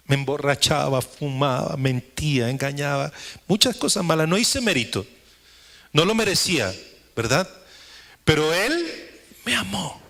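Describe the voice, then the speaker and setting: Higher-voiced male pastor preaching. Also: animated, a little slow, pauses often, bright, forceful tone. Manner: asks the congregation frequent rhetorical questions; emphatic, repetitive preaching cadence. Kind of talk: sermon. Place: church service with congregation.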